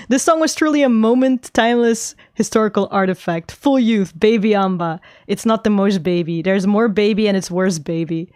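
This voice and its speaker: A woman's voice: medium pitch, normal speed, darkish tone, dry recording, studio quality. A young adult woman streaming casual chat, rambling, giggling often and swearing freely. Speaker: VTuber streamer.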